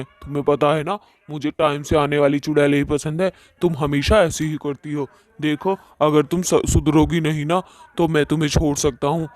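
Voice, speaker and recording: A short-tempered male ghost in a cartoon, played by a man. He complains and threatens in a slightly high, flat voice. The recording is dry and close. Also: no echo, lightly acted.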